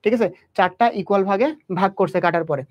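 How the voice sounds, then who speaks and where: Fast-talking young male biology tutor. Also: high voice. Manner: quizzing, asks and answers own questions; talks straight to the student. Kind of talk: exam-prep lecture. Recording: dull lo-fi audio.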